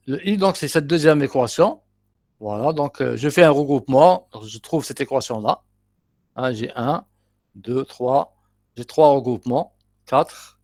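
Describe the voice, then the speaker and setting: A man's voice: medium pitch, a little mellow, no echo, studio quality. Algerian-accented man teaching a class. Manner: explains step by step, repeats terms, mixes in short asides. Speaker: university teacher. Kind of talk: classroom lecture, working through exercises.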